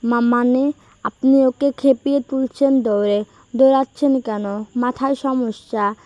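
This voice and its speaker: A woman voicing a polite young woman seeking a job, speaking softly and deferentially. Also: sits high, steady tone, unhurried, no room sound, highs cut off. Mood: breathless, indignant. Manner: soft, deferential, keeps saying sir. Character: polite young woman job seeker, meek but cheeky. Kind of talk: audiobook dialogue reading.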